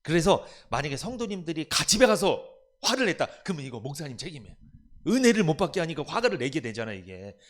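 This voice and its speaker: A man's voice: fairly high pitch, sing-song, quick pace. A man pastor preaching a sermon in church, asking the congregation rhetorical questions and acting out family members' voices. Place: church sanctuary.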